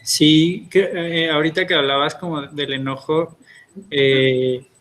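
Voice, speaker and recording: A man's voice: a little high, fairly even intonation, slow, fairly bright tone. A man, hosting a casual podcast and talking hesitantly, with many fillers and restarts. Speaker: podcast host. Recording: faint background noise.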